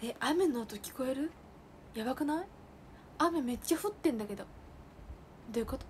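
Heavy rain falls outside as a young idol host chats casually with viewers on her solo livestream, using a phone or streaming mic with a little hiss or hum. Her high voice is expressive, a little fast, and darkish in tone. She comes across as bubbly and giggly.

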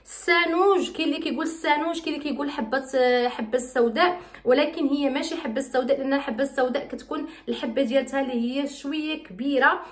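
A woman's voice: high-pitched, racing, roomy sound. A woman from Morocco with a Moroccan Arabic accent, chatting bubbly and repetitive in a beauty vlog. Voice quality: bubbly, chatty, repeats herself. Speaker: beauty vlogger. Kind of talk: casual vlog chat and recipe explanation.

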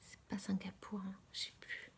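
A woman from France hosting a casual knitting podcast, talking hesitantly with many fillers, often dropping to a soft near-whisper and repeating her words of praise. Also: normal speed. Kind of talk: casual chat about knitting.

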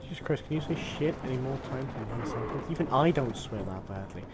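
Profane, excitable man gaming with lively pitch. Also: fast, heavy background noise. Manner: profane, excitable, laughing at himself. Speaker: gaming channel host. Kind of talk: let's play commentary.

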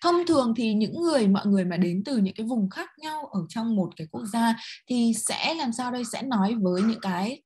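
A woman English teacher with a Vietnamese accent who goes through a textbook lesson. She reads the English slowly, explains quickly in Vietnamese and asks the class questions. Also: on the high side.

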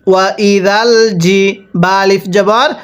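A man from Bangladesh teaching Quran reading in a recitation spelling lesson. He spells each syllable slowly and has listeners repeat after him. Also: high-pitched, steady tone, smooth.

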